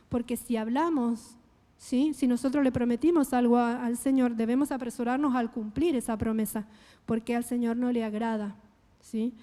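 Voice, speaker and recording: A woman with an Argentine Spanish accent preaching a sermon in a church, deliberate and often checking in with her listeners. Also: fairly high pitch, mellow. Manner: deliberate, checks in with frequent "¿sí?" and "amén". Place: church hall. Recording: reverberant church hall.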